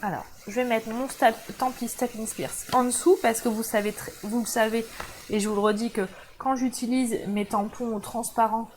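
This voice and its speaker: French lady doing a live craft demo, kinda high voice, chatty and laughy, a bit of hiss behind. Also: fairly even intonation, normal speed, low-quality recording. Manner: chatty, warm asides to viewers, laughs often. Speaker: crafting channel host. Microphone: camera mic.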